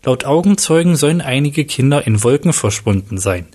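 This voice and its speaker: A man's voice: mid-range voice, lively intonation, moderate pace, a little mellow, natural voice. A man reading the lines of a matter-of-fact male detective.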